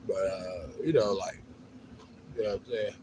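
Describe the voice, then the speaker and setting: An American man talking casually to viewers in a halting, repetitive, rambling plea, outdoors on a street. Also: lowish voice, steady tone. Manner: halting, repetitive, with frequent 'you know'. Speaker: livestreamer appealing to viewers for help. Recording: noisy outdoor street, uneven level.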